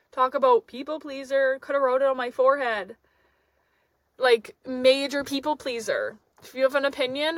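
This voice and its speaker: A young woman vlogger talking candidly and reflectively about her feelings, laughing often as she speaks. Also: high voice. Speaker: van life vlogger. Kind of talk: candid personal talk to camera.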